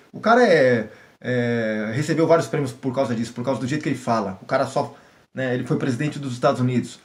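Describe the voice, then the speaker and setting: A middle-aged Brazilian man with a Brazilian Portuguese accent who talks casually in a language-learning vlog, slipping English words into his examples and acting out small scenes. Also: mid-range voice. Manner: chatty, switches into English for examples, acts out little scenes.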